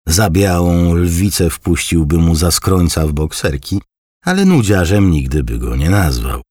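A man narrating an audiobook in a measured, even storytelling manner. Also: low voice, no room sound, clean studio sound. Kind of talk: scripted narration.

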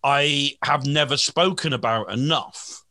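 A comedian in his forties hosts a podcast, chatting casually in a rambling, self-deprecating way and frequently restarting his sentences. His mid-range voice is bright and forceful, and he speaks unhurriedly. The audio is studio quality with no echo.

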